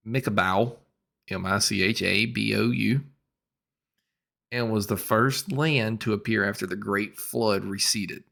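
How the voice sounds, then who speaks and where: Low man reading history notes. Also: gravelly. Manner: reads notes, spells out names, trails off quietly. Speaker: podcast co-host. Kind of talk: casual podcast chat.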